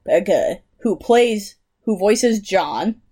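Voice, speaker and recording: A woman's voice: medium pitch, animated, takes it slowly, mellow, husky. A young woman co-hosting a podcast, chatting casually, laughing often and reading out trivia. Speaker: podcast co-host. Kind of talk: casual chat.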